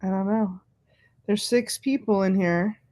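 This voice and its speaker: A woman's voice: medium pitch, measured pace, warm tone. A woman in her forties, a guest in a casual live-stream chat, snarky and sarcastic, laughing often. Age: 40s.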